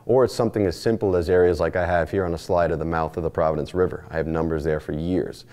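Low-voiced charter captain teaching fishing. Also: male voice, steady tone, quick pace, mellow. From Northeastern United States. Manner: plainspoken, practical, speaks in short stacked phrases. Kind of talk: instructional presentation. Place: indoor studio set. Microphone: lapel mic, framed mid-shot.

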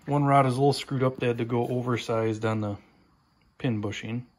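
A man giving a relaxed, plain-spoken update while filming his own project in a home garage on a handheld phone. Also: medium pitch, brisk. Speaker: tractor restoration vlogger. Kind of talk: casual workshop update. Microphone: handheld phone camera, filming while talking.

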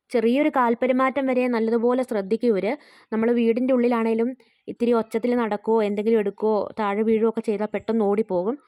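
Quick, homely woman narrating a vlog. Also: fairly high pitch, no echo, dull audio. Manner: chatty, homely, often adds tag questions. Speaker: home cooking and village life vlogger. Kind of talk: casual voice-over narration.

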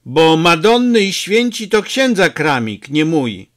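A man voicing a gruff, hot-tempered village mayor who shouts and blusters in a storybook reading. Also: a little high, very animated, measured pace. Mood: angry.

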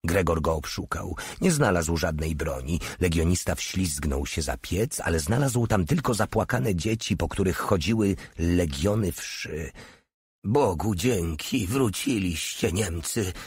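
A man narrating an audiobook in a steady, measured reading. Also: sits low, breathy edge, dry recording, clean studio sound. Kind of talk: scripted narration.

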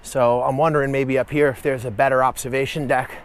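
A man's voice: medium pitch, little pitch movement, fast, slight background noise. A man talking casually to camera as a travel vlogger while walking around a hilltop fortress, thinking aloud with fillers. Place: outdoors at a hilltop fortress in a city.

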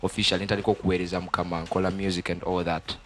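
This young gospel musician from Uganda, with a Ugandan accent and a low, level voice, shares his testimony in a TV studio interview using a handheld mic. He's earnest and fast-talking, moving back and forth between Luganda and English.

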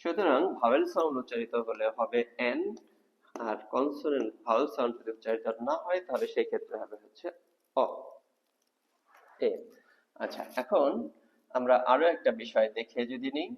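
A man lectures on English grammar on video at normal speed with long pauses, going step by step and asking rhetorical questions of the class. His voice is medium-pitched, and the dull audio carries a long hall reverb.

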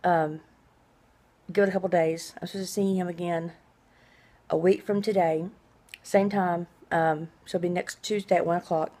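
At a normal speed and with fairly even intonation, a middle-aged vlogger chats from a small room at home in a low, mellow voice. Her talk wanders conversationally like a video diary, and her s sounds are stretched and hissy.

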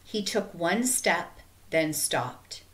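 A woman reads a storybook aloud at an unhurried pace. Her voice is lively, rising and falling with the story, and she lets each sentence settle. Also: fairly low pitch. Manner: expressive, measured reading. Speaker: audiobook narrator. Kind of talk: storybook narration.

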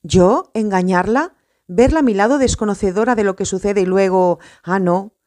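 A woman's voice: mid-range voice, normal speed, dark tone, no room sound, studio quality, close to an everyday voice. A woman voicing a devoted male apostle who speaks in an indignant, heartfelt way.

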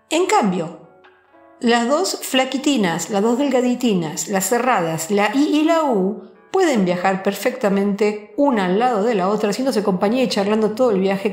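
A woman teacher narrating a lesson in a playful, storytelling way, asking rhetorical questions along the way. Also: mid-range voice. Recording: roomy echo, faint background music.

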